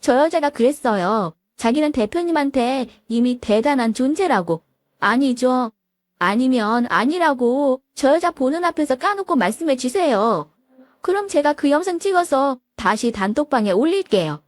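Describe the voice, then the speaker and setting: A woman voicing a spiteful young female lawyer who talks down to her sister-in-law with shrill scorn. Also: expressive, normal speed, dry recording, studio quality. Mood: sneering.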